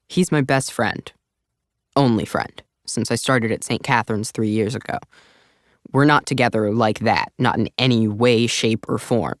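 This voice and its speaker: A man's voice: medium pitch, gravelly, no echo. A man narrating an audiobook in first person, with a casual, wry, confiding manner, on a close studio mic.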